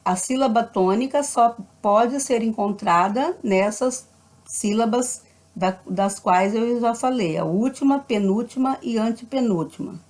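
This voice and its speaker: A woman's voice: fairly high pitch, a little slow, a little mellow. A woman with a Brazilian Portuguese accent, a primary school teacher patiently explaining a grammar lesson, often checking in with "né?". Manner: patient, repeats with frequent "né?" checks.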